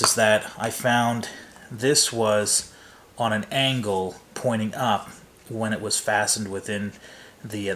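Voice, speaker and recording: Low-voiced guy rambling thru his model build, lots of ums, faint hum behind. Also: a bit bright. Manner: loose, rambling, many fillers and restarts. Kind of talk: hands-on build walkthrough. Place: workbench, off camera.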